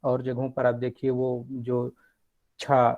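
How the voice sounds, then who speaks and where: A man's voice: mid-range voice, monotone, slow. Muffled man giving a lecture. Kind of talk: academic lecture.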